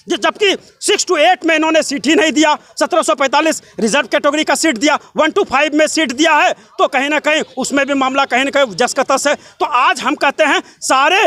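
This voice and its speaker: Young man, very high voice, Bihari accent, sharp and forceful, breathless run-on protest speech, repeated rhetorical questions. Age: young adult. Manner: breathless run-on delivery, piling up clauses. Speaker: job candidate and protester being interviewed. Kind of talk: impassioned interview tirade.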